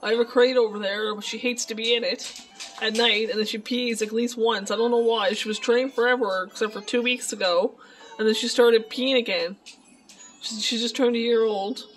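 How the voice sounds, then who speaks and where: A woman talks casually to the camera in her home and breaks into cooing baby talk for her pets. Her voice sits fairly high and swings from soft murmurs to sudden loud calls. Faint music plays underneath. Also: fairly even intonation, moderate pace. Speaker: vlogger and pet owner. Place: home, indoors.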